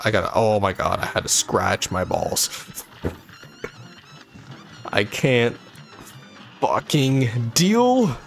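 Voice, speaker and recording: A man's voice: medium pitch, creaky. Foul-mouthed young man trash-talking a game boss. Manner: swears constantly, trash-talks the boss, rambling jokes. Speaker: gaming channel host. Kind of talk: profane let's-play commentary. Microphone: desk microphone.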